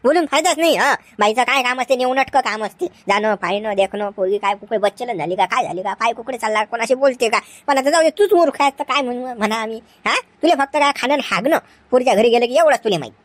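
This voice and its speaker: A woman acting in a village comedy skit, questioning and calming in a chattering way. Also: fairly high pitch, quick pace, natural voice. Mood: lamenting. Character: village woman, then police constable.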